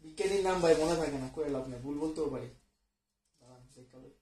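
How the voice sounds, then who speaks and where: A man's voice: on the high side, fast talker, warm tone, echoey room. A man tutoring biology in an online class, working through quiz questions in a casual way, mixing in English words and often checking that his students follow. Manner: mixes English words into speech.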